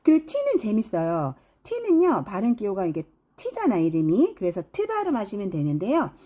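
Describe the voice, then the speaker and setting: Middle-aged lady english teacher doing phonics, bouncy pitch, warm mellow tone. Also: normal speed. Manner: lively, demonstrates sounds with exaggerated examples. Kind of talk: phonics lesson.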